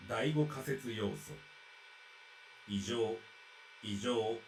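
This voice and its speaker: A man's voice: medium pitch, slow pace, background noise. An actor voicing a cold male combat robot in a video game, his voice run through a metallic robot filter, reading out clipped system announcements. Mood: clinical.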